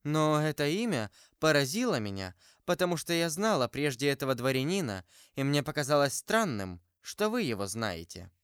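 A man's voice: a little high, very animated, normal speed, few pauses, a bit bright, no echo, studio quality. A man voicing a scheming noblewoman villain. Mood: guarded. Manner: smooth, guarded, feigned sweetness. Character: cunning scheming noblewoman, adult, deceitful villain. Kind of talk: audiobook character voice.

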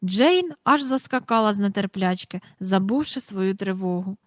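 A woman narrating a children's storybook in a calm, even manner. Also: mid-range voice, moderate pace, no echo, clean studio sound. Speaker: audiobook reader.

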